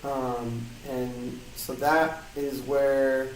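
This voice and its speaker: A man being interviewed, explaining his work in a casual, halting way in a hard-walled office with a metallic flutter echo. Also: mid-range voice, flat delivery. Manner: hesitant, halting, loosely worded. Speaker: game audio designer being interviewed. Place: small hard-walled office in co-working space. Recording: roomy flutter echo, distant mic, faint noise.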